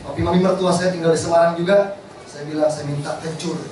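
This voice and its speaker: A male pastor delivers a sermon, his voice sitting high for a man. He speaks in a lively, storytelling way. The recording is roomy and distant, with clear background noise. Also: quick pace. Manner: lively storytelling, addresses congregation as Bapak Ibu. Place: large church hall. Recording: echoey hall, distant mic, background noise.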